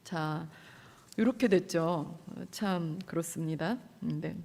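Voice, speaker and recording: A woman's voice: sits low, takes it slowly, dark tone. Woman preaching in an echoing hall. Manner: conversational, amused, retells the story with quoted lines. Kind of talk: sermon. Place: church service hall.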